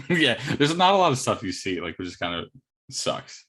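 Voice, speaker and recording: A man's voice: medium pitch, big pitch swings, unhurried, fairly bright tone. A man co-hosting a casual podcast chat, agreeing often and swearing casually. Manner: agreeable, frequent "yeah", swears. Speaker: podcast co-host.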